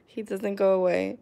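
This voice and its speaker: Mellow and medium in pitch, a young New York woman's voice comes from her living room as she casually reads live chat comments on her stream. She hesitates often with ums, and a camera on a tripod serves as her microphone.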